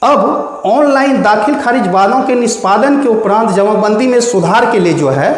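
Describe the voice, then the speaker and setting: A man's voice: sits high, animated, moderate pace. A man explaining an online application process step by step, addressing viewers as friends. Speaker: explainer of online land-record services. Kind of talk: spoken tutorial. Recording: very echoey room with long reverb.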